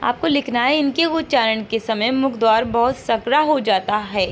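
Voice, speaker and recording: A woman's voice: a little high, normal speed, a little hiss or hum. A woman teacher giving an online lesson, patiently repeating each point, modeling sounds aloud and checking in with frequent questions.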